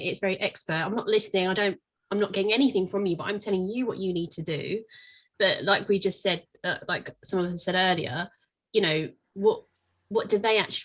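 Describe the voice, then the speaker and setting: Breathy woman coach thinking aloud. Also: mid-range voice, a bit bright, dull audio. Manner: reflective, thinks aloud with many fillers. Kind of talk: casual panel discussion.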